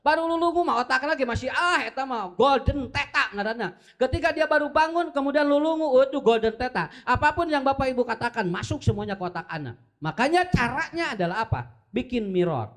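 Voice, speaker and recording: A man with a Sundanese accent giving a lively religious talk on parenting, speaking directly to mothers and fathers and acting out tones of voice. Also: very high voice, brisk. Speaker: Islamic preacher.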